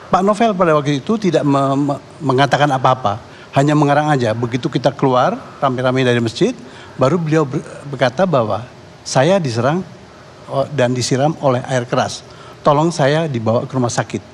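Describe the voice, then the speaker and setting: A man from Indonesia telling what he saw as a guest on a televised talk show, his speech halting and full of restarts. His voice sits at an ordinary pitch for a man. It rings with a long hall reverb, and faint room ambience runs underneath. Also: a little hiss or hum. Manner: halting, repeats and restarts words. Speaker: neighborhood head and eyewitness guest. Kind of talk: eyewitness account on a talk show.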